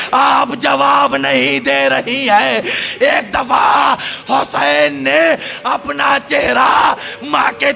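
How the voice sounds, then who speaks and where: A man leading a mourning sermon, addressing the mourners directly in an impassioned, half-chanted recitation that rises into wailing shouts. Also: very high-pitched, gravelly. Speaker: Shia cleric leading a mourning majlis. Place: large hall at a religious school. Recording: long hall reverb.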